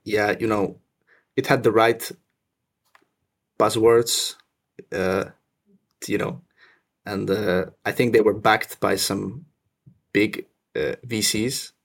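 Young male guest, low gravelly voice, easygoing and self-mocking. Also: slow, pauses often. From Russia, raised in Finland. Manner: relaxed, self-deprecating, many restarts. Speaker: podcast guest. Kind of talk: casual interview chat.

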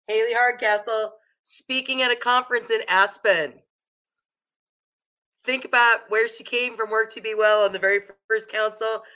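A woman hosts a podcast with a bright, forward voice. She sounds upbeat and enthusiastic in casual chat. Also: medium pitch.

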